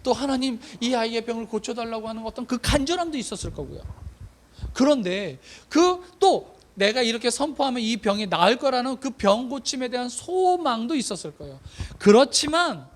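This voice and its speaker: A man's voice: very high voice, lively intonation, normal speed. A male pastor preaching a sermon, addressing the congregation with questions and repeating phrases for emphasis.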